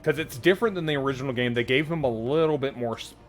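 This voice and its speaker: A man's voice: mid-range voice, quick pace, faint music behind. A man giving casual, wry let's-play commentary while playing a game. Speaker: gameplay commentator.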